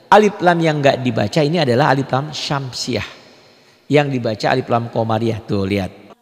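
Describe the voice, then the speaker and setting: A man at a middle pitch gives a beginners' tajwid lesson. He explains slowly and patiently, repeats each point and asks his own rhetorical questions. His voice carries a long, echoing reverb. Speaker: Quran recitation teacher.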